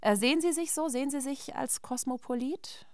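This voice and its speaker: A woman's voice: high voice, moderate pace, no echo, clean studio sound. A woman interviewing a guest, asking questions in a friendly, conversational way.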